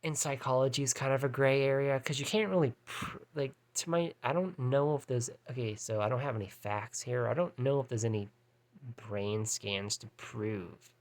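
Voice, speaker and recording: A man's voice: mid-range voice, normal speed. A man in his thirties talking to camera in a rambling, hesitant way, full of fillers and restarts. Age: 30s. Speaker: vlogger. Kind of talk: casual rambling monologue.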